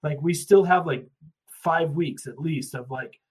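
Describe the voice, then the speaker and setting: A man co-hosting a podcast, chatting loosely and swearing as he rambles. His voice sits a little on the high side. He laughs often and wanders from point to point. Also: measured pace, husky, rough recording. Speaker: podcast co-host. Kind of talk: casual chat.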